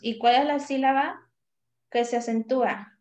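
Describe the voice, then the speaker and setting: A woman's voice: high-pitched, steady tone, moderate pace, darkish tone. A woman teaching a primary class over a video call, patiently calling on pupils by name and drilling syllables. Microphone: video call microphone.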